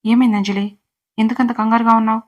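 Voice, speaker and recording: A woman's voice: on the high side, level tone, quick pace, natural voice. A woman voicing a stern young male boss who questions curtly in a storybook reading. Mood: puzzled. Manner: questioning, curt.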